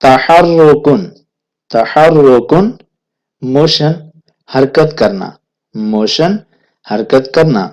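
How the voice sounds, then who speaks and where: A man with a Pakistani Urdu accent leads a vocabulary lesson at a very slow pace. He repeats each word deliberately before he gives its meaning. His voice sits at a middle pitch. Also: darkish tone. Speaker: language teacher.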